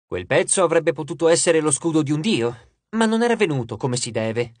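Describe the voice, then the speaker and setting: A man narrating an audiobook chapter with expressive, measured storytelling. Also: fairly high pitch, dry recording. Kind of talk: scripted narration.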